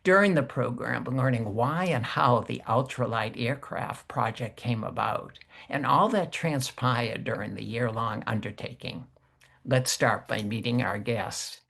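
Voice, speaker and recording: A male host with a gravelly, fry-edged voice leads an interview by video call. He speaks in a formal, measured way and welcomes each guest politely. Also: medium pitch, a bit bright.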